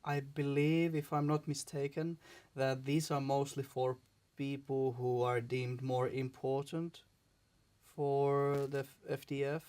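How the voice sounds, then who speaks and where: Man from Finland, debate guest, hesitant, searching for words, flat even tone. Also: mid-range voice, slow. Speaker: debate guest opposing conscription. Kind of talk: casual debate chat.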